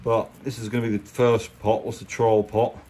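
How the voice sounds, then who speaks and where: The voice belongs to a man with an English accent: lowish, level in tone, a little mellow, at normal speed. He is a boat restorer giving a chatty, colloquial hands-on how-to in a casual, plain-spoken way, captured handheld in a workshop with clear background noise.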